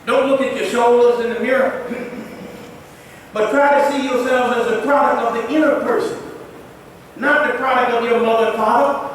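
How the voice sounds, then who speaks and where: A man giving an emphatic Friday sermon as imam, speaking directly to the congregation in a mosque. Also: extremely high pitch. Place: mosque prayer hall. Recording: echoey far-off hall recording, faint noise.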